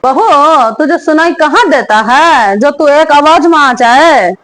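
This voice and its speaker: Woman doing a nagging older mother-in-law, taunts and scolds, highish voice, comedy skit. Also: lively intonation, slow, a bit bright, exaggerated voice. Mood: scolding.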